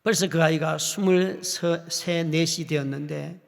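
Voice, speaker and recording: Middle-aged man, pastor's sermon, high for a man, gravelly, big reverberant church hall. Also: steady tone, unhurried. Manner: emotional storytelling, swings from hushed whispers to loud exhortation. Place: church sanctuary.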